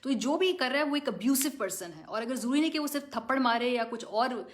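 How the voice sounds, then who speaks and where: A woman's voice: high-pitched, lively intonation, quick pace. A woman in her thirties hosting a live chat, reading out viewer comments and talking in a chatty way that mixes in English phrases. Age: 30s. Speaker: host.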